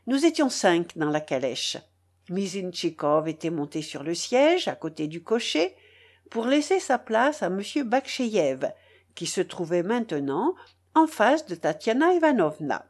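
A woman reads a classic novel aloud with an expressive, dramatic delivery. Her voice swings widely in pitch, lifting and falling with the story. It is a steady literary narration. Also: measured pace. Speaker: audiobook reader.

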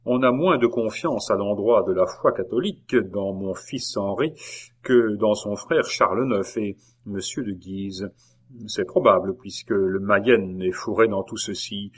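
A sly jester thinking aloud, low and hushed, wry in his reasoning , as a man voices him. The talk stays soft and inward. Storybook reading. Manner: quiet, wry aside.

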